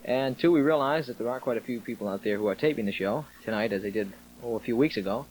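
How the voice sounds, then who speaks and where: A man's voice: medium pitch, fast talker, darkish tone. A man hosting a military radio show as an upbeat disc jockey, with jokey, ad-libbed, conversational banter. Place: small radio station studio. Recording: noisy 1960s radio broadcast tape.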